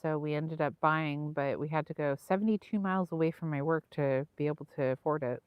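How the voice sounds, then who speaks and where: Woman, low voice, dry close sound, easygoing rambling chat, lakeside livestream host. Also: fairly even intonation, fairly quick, clean tone, no echo, lo-fi sound. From Southern California. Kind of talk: casual chat with live viewers. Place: outdoors by a lake.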